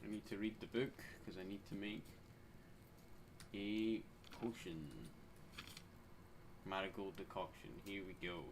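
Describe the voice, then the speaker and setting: Male gamer, lowish voice, casual sweary play-along commentary, clear game noise behind him. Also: unhurried, long pauses. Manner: sweary, muttering to himself.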